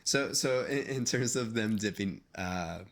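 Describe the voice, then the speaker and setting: A man's voice: lowish voice, animated. A young man, hosting a casual interview with lots of fillers and restarts. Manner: rambling, halting, lots of fillers. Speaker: podcast host.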